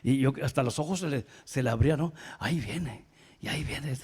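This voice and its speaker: A male pastor preaching a sermon in a lively way, moving between soft asides and loud emphatic passages and often checking in with the congregation. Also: mid-range voice, brisk, breathy edge. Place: church sanctuary. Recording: long reverb of a church hall.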